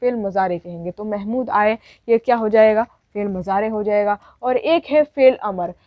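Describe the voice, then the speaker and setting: A woman's voice: mid-range voice, moderate pace, dry recording. Lady teacher going over grammar, asks then answers herself, muffled dry lo-fi recording. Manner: repetitive, asks and answers own questions. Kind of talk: grammar lesson. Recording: dull, dry lo-fi sound.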